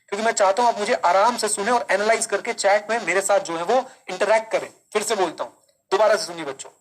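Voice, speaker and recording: A male teacher giving a live online class, speaking slowly and deliberately, repeating key lines, quizzing students and mixing Hindi with English. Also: sits high, low-quality recording. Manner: mixes Hindi and English, calls students kids.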